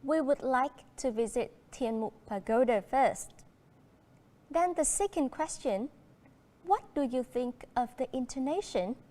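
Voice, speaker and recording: Teaching English to primary pupils, a Vietnamese-accented woman switches back and forth between the two languages, keeping her delivery slow and clear. She has a high, animated voice with a dark tone, heard in a large hall.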